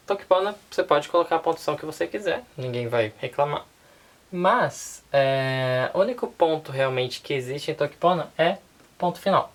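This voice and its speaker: A woman with a Brazilian Portuguese accent giving a casual online language lesson, relaxed and unhurried, often checking in with her listeners. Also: very deep voice. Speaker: language teacher.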